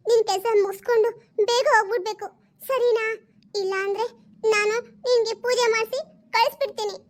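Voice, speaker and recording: Very high-voiced woman as a tearful mother. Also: fairly even intonation, brisk. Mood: pleading. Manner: pleading and tearful, often sobbing. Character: anxious mother, tearful and protective. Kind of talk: home-made family drama.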